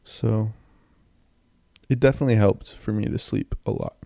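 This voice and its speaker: A young podcast host, sick with a cold, records a casual solo episode from bed indoors, rambling in a low-key way. His low voice is phlegmy and gravelly, with wildly swooping pitch, a dark tone and normal speed. A handheld mic and audio recorder are held close, so the sound is very dry.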